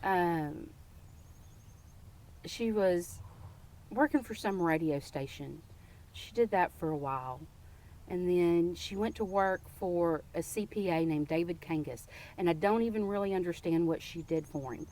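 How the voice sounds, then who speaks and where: A woman's voice: lowish voice, a little slow. Playful woman telling stories. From Texas. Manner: lively, playful and warm-humored. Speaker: podcast guest. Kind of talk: casual storytelling.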